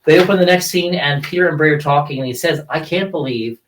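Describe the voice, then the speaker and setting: A man's voice: quick pace, noisy background. A man co-hosting a podcast, animatedly retelling TV scenes in casual chat. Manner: animated storyteller, jumps in pitch when retelling scenes. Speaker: podcast co-host. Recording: distant from the mic.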